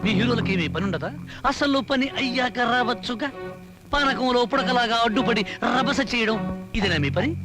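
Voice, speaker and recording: A boastful film villain who brags about his strength and barks orders at his men. His voice sits very high and strained, with a loud film score behind him. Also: moderate pace, music in the background. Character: boastful, menacing male villain boss. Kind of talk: Telugu film drama acting.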